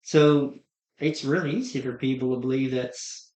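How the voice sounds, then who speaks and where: A man's voice: mid-range voice, fairly even intonation, moderate pace, a little mellow. A man with a Pennsylvania Dutch accent hosting an interview, asking curious questions in a casual chat. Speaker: host. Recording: roomy echo.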